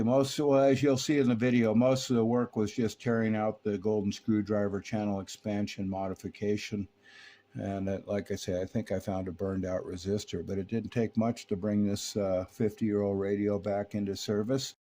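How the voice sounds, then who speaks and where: Folksy and chatty, this hands-on video host, a radio repairer, gives casual technical talk and commentary on products. He has a medium-pitched, darkish voice.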